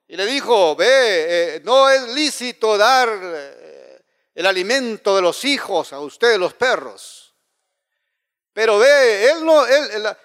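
A man's voice: high-pitched, a bit bright. A man preaching a sermon, often tagging his lines with a questioning "right?" and restarting his phrases. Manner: frequent "¿verdad?" tag questions, halting restarts. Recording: long reverb of a hall.

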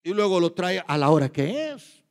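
In a high, sing-song voice at normal speed, a man preaches a sermon in emphatic bursts, swinging between loud and quiet. He often repeats himself and checks in with his listeners, and the recording carries a long hall reverb.

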